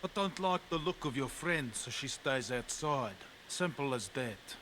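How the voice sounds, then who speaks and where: A man's voice: medium pitch, expressive, unhurried, fairly bright tone, slight background noise. An actor playing a cold male villain host in a video game, polite on the surface but menacing. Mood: coolly suspicious. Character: smooth, cold male villain hosting a party.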